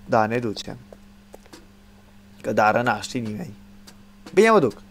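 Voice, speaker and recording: A man streaming a horror game live, chatting with his viewers and yelping and shouting at every scare; he says he is tired from all the screaming. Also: medium pitch, big pitch swings, slight background noise. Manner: jumpy, yelps and shouts when scared, talks to chat. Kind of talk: live gameplay commentary.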